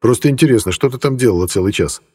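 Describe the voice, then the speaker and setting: A man's voice: medium pitch, lively intonation, fast talker, darkish tone, slightly rough, in a large hall. A man voicing an earnest, easily flustered young man in an audiobook, blunt and a little bewildered. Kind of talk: audiobook character voice.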